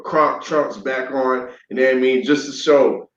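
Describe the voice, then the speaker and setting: A man co-hosting a casual boxing talk show, speaking in a halting way with frequent restarts. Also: mid-range voice, steady tone, a bit bright, reverberant, highs cut off. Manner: halting, many fillers and restarts. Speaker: podcast co-host.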